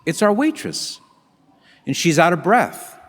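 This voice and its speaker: A man's voice: sits high, very animated, unhurried, fairly bright tone. A man giving a humorous storytelling talk at a conference, acting out the voices of the people he quotes. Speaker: conference speaker. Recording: long hall reverb.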